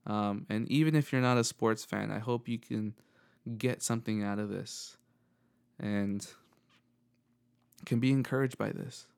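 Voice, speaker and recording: A young man speaks in a fairly low voice as the host of his own podcast. He talks earnestly and reflectively, often pausing and restarting his phrases as he works through his thoughts. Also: gravelly, a little mellow, clear, resonant tone. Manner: earnest, halting, with repeated restarts. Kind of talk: reflective personal monologue.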